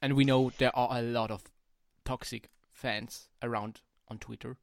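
A man's voice: mid-range voice, fairly even intonation, vocal fry, no room sound, studio quality. A man co-hosting a podcast, reading out listener questions in casual chat and laughing often. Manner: slow, measured, laughs often.

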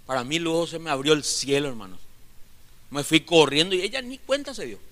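A man's voice: on the high side, expressive, fairly quick, fairly bright tone. Fervent male pastor preaching in a reverberant hall. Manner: preaching fervently, addressing listeners as brothers with rhetorical questions. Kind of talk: sermon. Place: church. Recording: long reverb of a large church hall.

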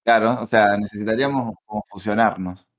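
A man with a Rioplatense accent talks in a lowish voice, teasing his co-host and cursing freely. The tone is loose, casual podcast banter. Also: fairly even intonation, a little fast, highs cut off, slight background noise. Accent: Rioplatense Spanish. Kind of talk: casual chat.

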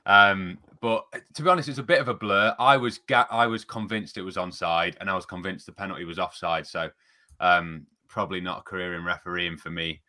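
A man with a lowish voice and a forceful, bright edge, chatting on a football podcast. He walks through things with a dry, sarcastic touch. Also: steady tone, fairly quick. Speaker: podcast guest. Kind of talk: casual football podcast chat.

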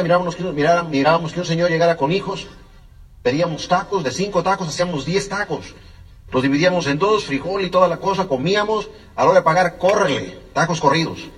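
A man's voice: sits high, fast. A man tells his personal life story with emotion, addressing the listener directly. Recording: voice a bit far from the mic.

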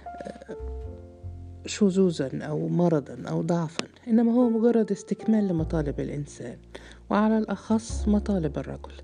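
Woman voicing a condescending male psychiatrist; measured, cool lecture, dark tone. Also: fairly low pitch, expressive, gravelly, soft background music. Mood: lecturing. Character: calm, condescending male psychiatrist, middle-aged, bearded.

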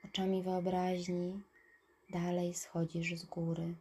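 A woman narrating a guided relaxation in a soft, calm voice that trails into breathy whispers. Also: on the low side, slow pace, slight background noise. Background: birdsong and nature ambience.

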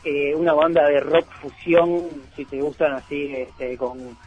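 A somewhat high, husky man talks about music as a radio guest. He hesitates often, filling gaps and restarting words. The sound is dull and lo-fi. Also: fairly even intonation, unhurried. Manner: hesitant, many fillers. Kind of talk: radio interview talk.

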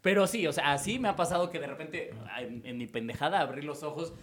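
A young man with a Mexican accent talks quickly and in a slightly higher register. He rambles through a story with casual swearing and restarts, in a relaxed podcast chat. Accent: Mexican Spanish. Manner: profane, rambling, restarts often. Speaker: podcast co-host.

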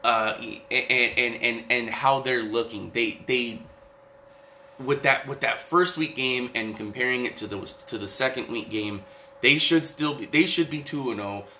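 A man talking football casually as a podcast host, halting and repeating himself, opinionated and loose with swearing. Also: mid-range voice, pushed and bright. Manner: halting, repetitive, profane, opinionated. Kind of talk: casual football recap chat. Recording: roomy echo, faint background noise.

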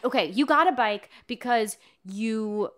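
A woman co-hosting a podcast, chatting casually and teasing her husband in an excitable, animated way. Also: fairly high pitch, a little slow. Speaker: podcast co-host.

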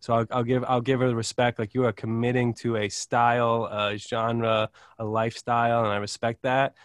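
A man's voice: mid-range voice, flat delivery, moderate pace, dry recording, studio quality. A man co-hosting a music podcast who rambles through his opinions in casual chat, often laughing and swearing. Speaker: podcast co-host music critic.

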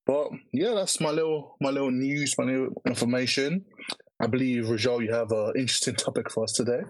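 A man's voice: mid-range voice, steady tone, fairly quick, no room sound, low-quality recording. Man, London roadman accent, slangy, podcast host, casual chat, dry close sound. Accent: London, urban roadman slang.

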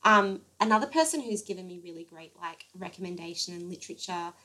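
A woman's voice: fairly low pitch, lively intonation, fast talker, pushed and bright. A young woman with a Queensland Australian accent, co-hosting a podcast in casual, chatty talk with plenty of fillers and laughter. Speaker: podcast co-host. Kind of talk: casual chat.

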